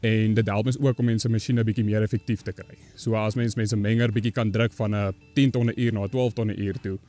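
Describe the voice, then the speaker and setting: A feed mill worker giving a calm, matter-of-fact testimonial about a course. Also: male voice, lowish voice, a little fast. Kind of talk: interview testimonial.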